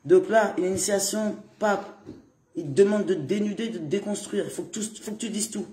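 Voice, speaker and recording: A talkative woman hosting a casual livestream and greeting viewers as she goes. Her voice is dark and mellow, and it rings around a roomy, echoey space. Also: medium pitch, a little fast. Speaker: livestream host. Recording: roomy echo.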